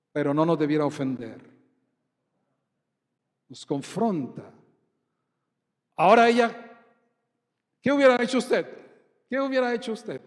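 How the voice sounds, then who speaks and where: A Colombian man preaching a sermon with a fairly high voice and an unhurried delivery. He keeps asking his congregation questions. His voice rings out with a long reverb in a church hall. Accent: Colombian Spanish. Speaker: pastor.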